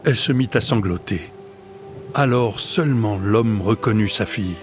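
A man's voice: fairly low pitch, normal speed. Male audiobook narrator, dramatic storytelling, faint music and rain.

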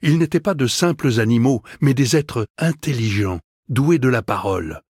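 A man narrating a children's fantasy audiobook in a measured, expressive way. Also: medium pitch, husky, no echo, clean studio sound.

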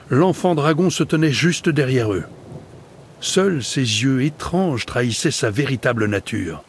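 A man reading a storybook aloud in steady, dramatic audiobook narration. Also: medium pitch, husky.

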